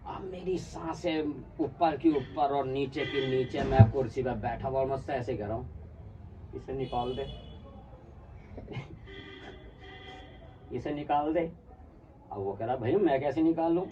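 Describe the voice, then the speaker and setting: A man's voice: medium pitch, normal speed, few pauses, recorded from a distance, highs cut off, music in the background. A man telling a casual personal anecdote, acting out what his friends said along the way. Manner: animated, acts out quoted friends. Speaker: storyteller.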